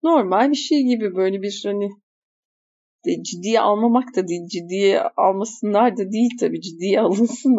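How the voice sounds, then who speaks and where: A woman's voice: mid-range voice, warm tone, highs cut off. A woman reading a novel aloud, stopping now and then to comment on the text. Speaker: reader.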